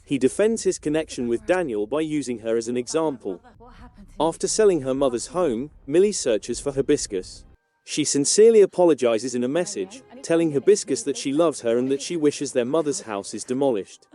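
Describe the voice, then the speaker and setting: A man reading a scripted TV episode recap in a steady, even manner. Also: medium pitch, a little fast, faint music behind. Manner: steady, even read-through of plot events.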